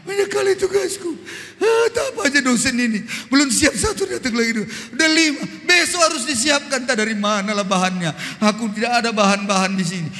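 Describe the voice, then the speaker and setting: A man's voice: very high voice, lively intonation, fairly quick, sharp tone, heavily acted. A man voicing his stressed young adult daughter, a university student complaining about her coursework, in a church hall. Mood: fretful. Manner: complaining and fretful. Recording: long church hall reverb.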